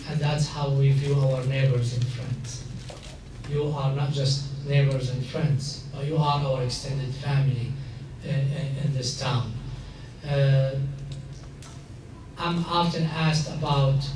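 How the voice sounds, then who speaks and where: A man, an imam giving a measured, emphatic talk to a mixed audience at a stand mic. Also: medium pitch, noisy background. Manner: measured, emphatic, gesturing while speaking. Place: large hall indoors. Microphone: stand mic at a lectern. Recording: echoey hall, from a distance.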